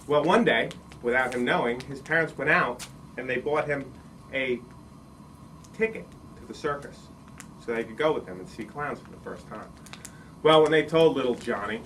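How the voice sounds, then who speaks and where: A man telling a long shaggy-dog joke in an animated, drawn-out way, recorded from a distance with faint ambience. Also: medium pitch, a little hiss or hum. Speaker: joke teller.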